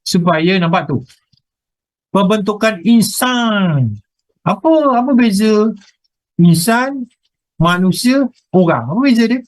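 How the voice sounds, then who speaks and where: A man's voice: high voice, takes it slowly, long pauses, no echo, rough recording. A middle-aged man with a Malaysian Malay accent giving an online university lecture, teasing and quizzing his students as he goes. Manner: teasing, lively, asks students questions. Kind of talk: online lecture with class banter.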